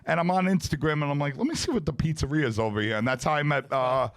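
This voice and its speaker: A man's voice: on the high side, quick pace. A man chatting informally and agreeably as a podcast host. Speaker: podcast host, pizzeria owner. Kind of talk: casual chat.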